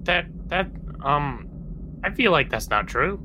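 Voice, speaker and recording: Bright-voiced man in a tabletop game. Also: a little high, very animated, slow, slight background noise, low-quality recording. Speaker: player. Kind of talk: casual tabletop role-play.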